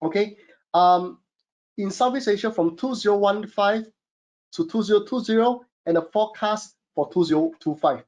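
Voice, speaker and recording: An e-commerce consultant from Singapore hosts a webinar in his home studio, speaking at normal speed in a high, darkish voice. His Singaporean English accent comes through as he chats along, dropping plenty of fillers and addressing the audience as "guys."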